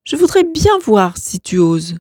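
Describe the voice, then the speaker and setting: A mocking young man from a read-aloud novel, sneering and cruel, as a woman narrator puts him on. His taunting lines come out raised and pushed, in a mellow, dry-sounding voice. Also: high-pitched, sing-song, measured pace, no echo, full character voice.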